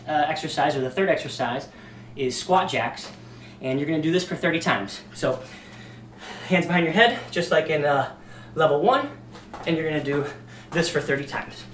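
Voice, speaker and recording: A man with a fairly high, slightly bright voice shows workout exercises as a fitness instructor, talking casually with many fillers while slightly out of breath. The distant mic captures an echoey room plus a little hiss or hum.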